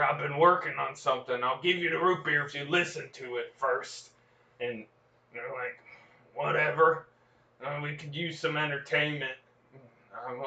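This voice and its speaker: A man's voice: medium pitch, sharp tone. A podcast host voicing a young frontier farm boy who spins a rambling tall tale in an exaggerated Old West drawl. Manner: folksy rambling yarn with gasps and exclamations. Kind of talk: comedic improvised storytelling. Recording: echoey, lo-fi, distant mic.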